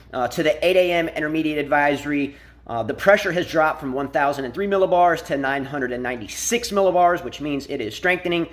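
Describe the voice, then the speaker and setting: A man's voice: on the high side, a bit bright. A man giving a casual live weather update, explaining things to viewers as a storm-tracking vlogger. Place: out and about on a coastal island, partly in a vehicle, then at his house.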